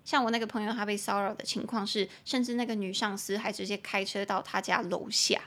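A woman from Taiwan hosting a bilingual English lesson podcast, chatting casually and slowing down to spell and repeat English words. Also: mid-range voice, level tone, fairly bright tone. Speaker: podcast host teaching English.

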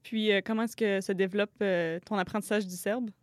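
A woman interviewer asks friendly follow-up questions in a relaxed, encouraging tone. Her pitch is ordinary for a woman, and the sound is dry and close. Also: a little fast, no echo.

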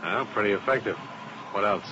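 A man's voice: fairly low pitch, brisk, noisy background, natural voice. Johnny Dollar, a man playing the dry investigator. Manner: dry, laconic, matter-of-fact. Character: wisecracking male insurance investigator, dry and unflappable. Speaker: lead detective and narrator. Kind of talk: 1950s radio drama acting. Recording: muffled old radio broadcast with music.

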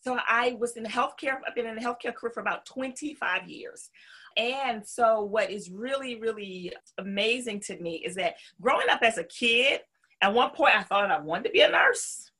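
A woman's voice: a little high, expressive, normal speed, pushed and bright, husky. A middle-aged woman with a Southern US accent, telling her story conversationally as an interview guest, emphatic and full of folksy asides. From North Carolina, southern United States.

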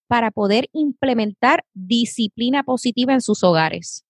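A woman's voice: on the high side, lively intonation, moderate pace, no room sound, studio quality. A woman, hosting an interview, asking questions and affirming the guest's points with her own thoughts. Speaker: interviewer and host.

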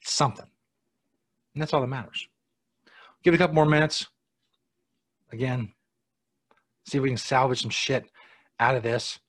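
With no echo around him, this American podcast host from the United States talks casually on his live show at a moderate pace and medium pitch, pausing often. He's profane and sardonic, slipping in muttered asides.

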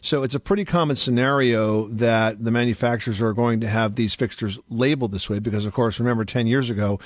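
A man's voice: mid-range voice, steady tone, fairly quick, dry recording, clean studio sound. A man hosting a home improvement radio show, explaining things in an instructive way. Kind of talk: home improvement advice and upbeat show announcing.

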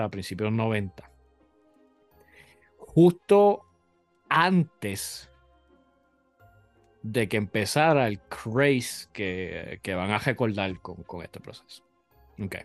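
A man co-hosting a podcast, telling a legend in a relaxed, measured way. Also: on the low side, no room sound. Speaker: podcast co-host. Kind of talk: casual storytelling chat.

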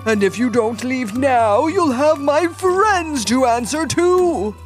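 A woman voicing an eerie, menacing male green Jell-O blob in a children's story, muttering slowly and low. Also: animated, faint music behind. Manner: slow, low, drawn-out muttering.

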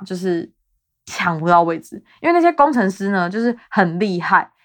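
A woman's voice: medium pitch, a bit bright. A woman in her twenties with a Taiwanese Mandarin accent, hosting her podcast in a rambling, self-mocking casual chat. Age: 20s. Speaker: podcast host.

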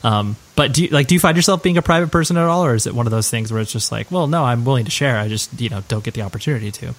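A man's voice: mid-range voice, rapid-fire. A man hosting a casual podcast interview, asking questions in a chatty, rambling way and affirming often with "right, right".

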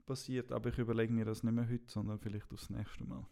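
A man, hosting a podcast in casual chat, his voice slightly hoarse. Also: medium pitch, level tone, quick pace, mellow. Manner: wraps up the episode. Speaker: podcast host.

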